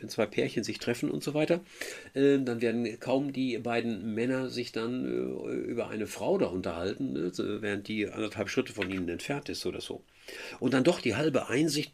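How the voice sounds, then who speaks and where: A man talks through a classic novel with his students in a loose, chatty way and keeps checking in with tag questions. His voice is rough and husky, with fry at the ends of phrases. His pitch moves a lot as he talks. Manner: conversational, explanatory, with tag questions. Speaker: teacher. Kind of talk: literature lesson.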